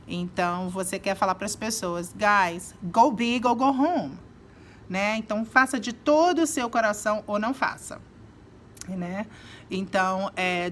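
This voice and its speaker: A woman from Brazil, an English teacher, talks through common phrases in a relaxed video lesson. She explains patiently and acts out example lines. Faint noise hums behind her voice. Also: mid-range voice.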